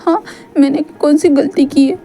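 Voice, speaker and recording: A woman's voice: sits high, fairly even intonation, moderate pace, warm tone, slight background noise, close to an everyday voice. A woman voicing a timid young man who complains and stammers when flustered, in a told storybook tale. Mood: whiny. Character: timid, whiny young man, teased and scolded.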